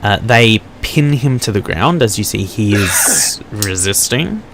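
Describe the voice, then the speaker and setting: A man's voice: lowish voice, very animated, a little slow, a bit bright, slight background noise. A man narrating a tabletop game as game master, describing scenes and calling for dice rolls over voice chat.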